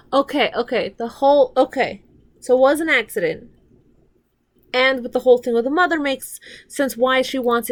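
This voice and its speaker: Rambling woman reacting to a show. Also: fairly high pitch. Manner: rambling, restarts, swears when annoyed. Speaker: reaction commentator. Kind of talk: casual watch-along commentary.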